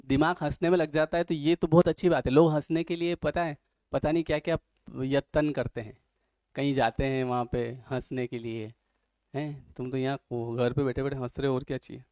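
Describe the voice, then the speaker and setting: A man's voice: medium pitch, steady tone, darkish tone, no room sound. Joking male vocabulary teacher, dry sound. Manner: joking, teasing students between word lists; reads English definitions slowly and deliberately. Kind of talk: online class lecture.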